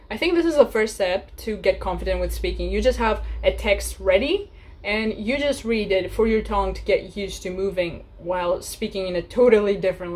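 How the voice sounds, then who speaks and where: A young woman in her twenties giving casual language-learning advice in a chatty, animated vlog, often laughing. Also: mid-range voice. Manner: chatty and animated, laughs often, acts out little sample dialogues.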